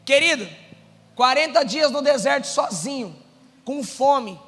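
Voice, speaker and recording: Brazilian male pastor, high bright voice, sermon with testimony, echoing church hall. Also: normal speed. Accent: Brazilian Portuguese. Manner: swings from hushed storytelling to shouted exhortation.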